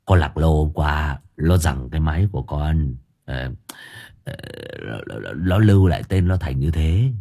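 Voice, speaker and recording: A man's voice: very deep voice, normal speed, darkish tone, breathy edge, voice pushed down. A man voicing a crude, grumpy young man who swears and whines when scared. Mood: whining.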